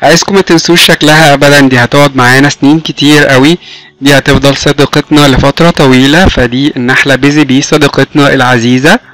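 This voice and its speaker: A man with an Egyptian Arabic accent teaching English words to small children, repeating each word slowly and praising them as his friends. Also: on the high side, a bit bright, no echo, low-quality recording. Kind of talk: recorded video lesson for kindergarten.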